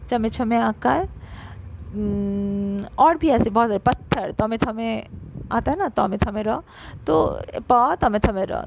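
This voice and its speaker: A woman's voice: on the high side, vocal fry, a little mellow. Woman teacher explaining grammar over noise. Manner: explanatory, addresses pupils directly, stresses syllables slowly. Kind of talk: online grammar lesson.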